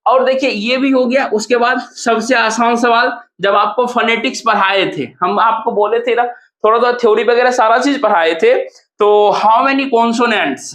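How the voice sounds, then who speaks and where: A man's voice: very high-pitched, steady tone, normal speed, fairly bright tone. A male coaching teacher, going over exam answers step by step and spelling words out letter by letter. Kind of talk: exam answer review lesson. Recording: echoey room.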